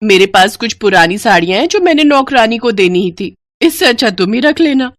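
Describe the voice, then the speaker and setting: A woman's voice: a little high, very animated, fairly quick, dry recording, clean studio sound, voice pushed up. A woman voicing a spoiled, rich young daughter-in-law in a cartoon story, with a chirpy, mocking tone.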